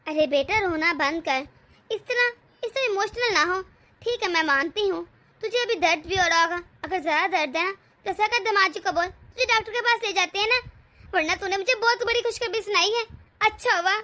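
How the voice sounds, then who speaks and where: A woman's voice: extremely high pitch, brisk, pushed and bright. A woman voicing a caring mother who reassures her daughter in a cartoon story. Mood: soothing. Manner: soothing, reassuring. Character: caring mother of the young wife. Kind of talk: cartoon voice acting.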